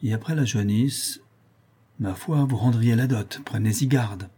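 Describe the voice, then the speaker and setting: A man reading an audiobook, voicing a fawning, glib male doctor with a flattering, bustling manner. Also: medium pitch, unhurried, husky. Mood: insistent. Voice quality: raised, loud, honeyed delivery.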